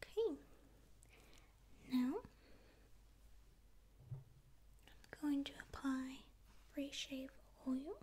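A woman whispering slowly and softly through an ASMR spa roleplay, with long pauses between her words. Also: sits high, a little hiss or hum.

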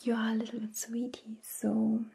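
A woman whispering softly and gently in an ASMR roleplay, caring for someone as a nurse-like caregiver. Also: a little high, completely flat delivery, a little hiss or hum. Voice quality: breathy whisper. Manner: soft, gentle, slow whispering. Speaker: ASMR performer.

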